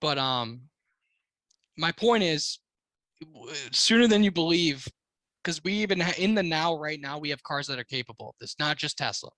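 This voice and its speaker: A man's voice: a little high, expressive, normal speed, pushed and bright, no room sound, low-quality recording. An American man co-hosting a casual podcast, talking like a slangy, swearing frat bro. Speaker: car podcast co-host.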